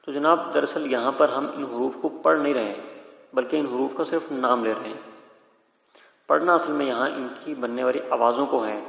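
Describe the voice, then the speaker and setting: A man teaching tajweed, explaining patiently and slowly drilling each letter and vowel sound. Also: medium pitch, creaky, a bit bright. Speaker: Quran recitation teacher. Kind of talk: slow spoken tajweed lesson with drilled syllables. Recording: echoey room with long reverb.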